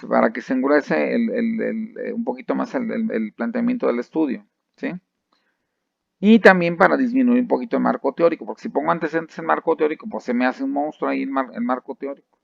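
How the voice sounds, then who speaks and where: A Mexican-accented man lectures on thesis methodology in a strongly gravelly voice. He talks loosely and conversationally, with fillers, restarts and rhetorical check-ins to his students. The recording is dry and dull, with a lo-fi sound. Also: medium pitch, a little fast, dry recording. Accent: Mexican Spanish.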